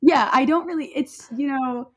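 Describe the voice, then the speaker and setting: A young woman with a slightly high voice rambles through a personal story in relaxed conversation. She leans on fillers, restarts her sentences and keeps breaking into laughter as she talks. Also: normal speed, crowd noise. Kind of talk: casual chat.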